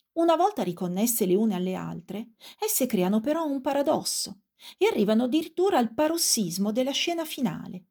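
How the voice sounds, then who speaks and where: A woman narrating a scripted literature lesson in a measured, clear reading. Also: mid-range voice, warm tone.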